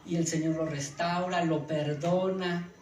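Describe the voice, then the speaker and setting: A man's voice: high voice, a little slow, a little hiss or hum. A male pastor preaching a sermon to his congregation. He uses rhetorical questions and acts out short quotes. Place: church hall. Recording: echoey room mic from far off, faint ambience.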